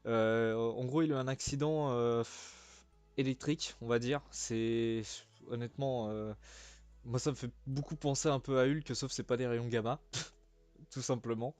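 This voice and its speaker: A man's voice: medium pitch, fairly even intonation, a little slow, a little mellow, clear, resonant tone, no echo, faint music behind. Casual French man with many hesitant fillers. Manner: chatty, informal slang. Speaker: film reviewer. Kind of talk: casual spoken film review.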